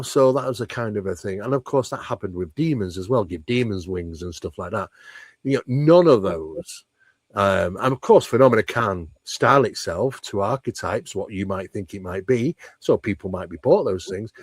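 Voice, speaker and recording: The voice belongs to a man with a lowish pitch, recorded with no room sound. He is a paranormal researcher interviewed as a guest, explaining paranormal ideas at length in an emphatic, conversational manner and frequently asking rhetorical questions.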